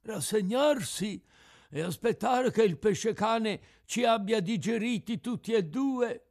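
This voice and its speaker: A man's voice: high voice, expressive, slow pace, vocal fry, darkish tone, pitched above the performer's own voice, heavily acted. A man voicing a resigned, philosophical old male tuna with a cracked, out-of-tune voice, in an audiobook reading. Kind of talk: audiobook character voice.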